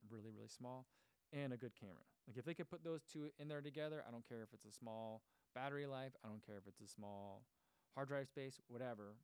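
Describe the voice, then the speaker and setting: In a casual livestream for his running channel, a man reads viewer comments aloud and chats, rambling with many fillers and restarts. His voice is mid-range and the recording has no echo.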